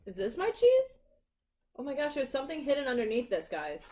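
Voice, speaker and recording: Woman from St. Louis, expressive swooping pitch, playful and giggly mukbang co-host. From St. Louis, Missouri, US. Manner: animated, quick to laugh, playful. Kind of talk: casual mukbang chat.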